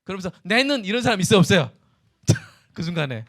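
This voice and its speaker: A male pastor preaching a sermon in an animated way, often asking the congregation questions. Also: high-pitched, fairly quick.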